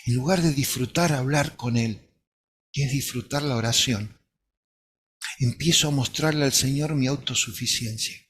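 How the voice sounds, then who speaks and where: A man's voice: medium pitch, normal speed, a bit bright, slightly rough. A man preacher giving a sermon, retelling a scene with earnest, imaginative storytelling.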